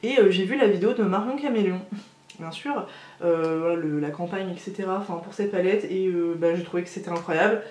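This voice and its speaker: A woman's voice: fairly low pitch, a little fast, a little mellow, echoey room. Chatty woman gushing over makeup. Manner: chatty and gushing, many fillers. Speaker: beauty vlogger. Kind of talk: casual makeup tutorial chat.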